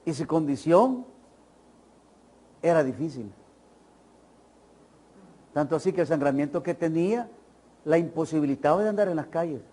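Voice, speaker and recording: A man's voice: on the high side, normal speed, pauses often, mellow. A man preaching an evangelical sermon at a church service. He speaks emphatically, poses rhetorical questions and keeps telling the congregation to listen well.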